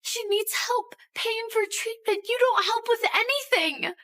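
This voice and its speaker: A woman's voice: very high voice, measured pace, bright, forceful tone, full character voice. An actress playing a desperate, scheming young woman in a melodramatic short drama. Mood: pleading, upset.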